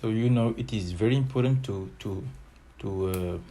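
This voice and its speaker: This male English tutor, whose first language is French, speaks slowly and hesitantly, filling gaps with fillers and going over each form several times. His pitch is fairly low and his tone dark. The online lesson moves back and forth between French and English.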